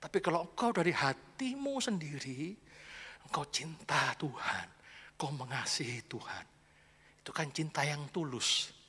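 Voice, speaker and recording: A man's voice: fairly high pitch, lively intonation, unhurried, bright, forceful tone, husky. A man preaching a sermon, chatty and confiding, laughing often between points. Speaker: pastor. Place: church hall. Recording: echoey church hall.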